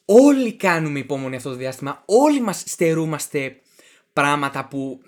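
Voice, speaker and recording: Joking young podcast host. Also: male voice, a little high, big pitch swings. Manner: joking, teasing, talks over his partner. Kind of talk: casual chat.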